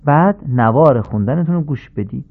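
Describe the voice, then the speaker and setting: A man teaching correct Quran recitation, slowly chanting short Arabic phrases as examples and explaining the mistakes between them. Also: mid-range voice, animated, vocal fry. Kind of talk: radio lesson on recitation. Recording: narrow phone-like band, old radio tape.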